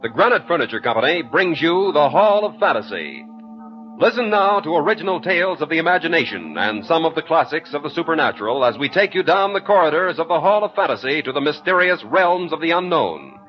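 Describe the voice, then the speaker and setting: A man's voice: on the high side, big pitch swings, a little fast, faint music behind. A man announcing in polished 1940s radio style, reading sponsor copy like a salesman. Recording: muffled old radio recording.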